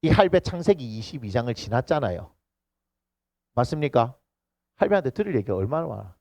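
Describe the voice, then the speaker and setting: Animated Korean pastor with a Gyeongsang accent. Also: male voice, medium pitch, brisk, creaky, dry recording. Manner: animated, acts out quoted voices, asks the congregation questions. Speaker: senior pastor. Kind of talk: lively sermon. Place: church sanctuary.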